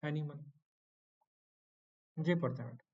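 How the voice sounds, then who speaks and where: A man's voice: a little high, takes it slowly, darkish tone, husky, lo-fi sound. Male teacher coaxing students through quizzes. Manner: playful scolding, pleads for homework. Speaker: Quranic Arabic teacher. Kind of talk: online class teaching.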